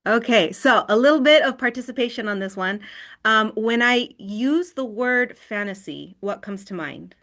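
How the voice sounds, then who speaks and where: A woman's voice: fairly high pitch, expressive, normal speed, fairly bright tone. A woman leading an online wellness workshop in a screen recording of a video call. She talks conversationally and often checks in with "right?".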